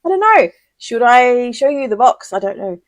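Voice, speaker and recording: A woman hosting a casual live crafting tutorial, chatty and giggly, with many ums and quick self-corrections. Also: on the high side, sing-song, no room sound. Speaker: papercraft demonstrator hosting a live video.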